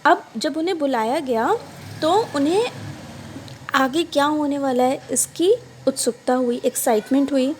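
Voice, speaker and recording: Woman teacher, high voice, unhurried English reading with Hindi explanations, faint noise behind. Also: darkish tone. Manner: reads English lines slowly, then explains them in Hindi; addresses the children, checking they follow. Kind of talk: reading a story aloud and explaining it in a class.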